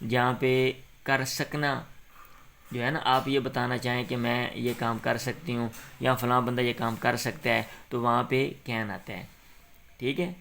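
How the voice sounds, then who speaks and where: A man's voice: medium pitch, flat delivery, gravelly, fairly bright tone. A man tutoring a young pupil through an English exercise, patiently saying short phrases for the pupil to repeat and then explaining them.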